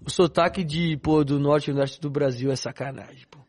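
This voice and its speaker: A man's voice: on the high side, fairly even intonation, fairly quick, darkish tone. A young man who hosts a casual chat, teasing his guests with crude banter.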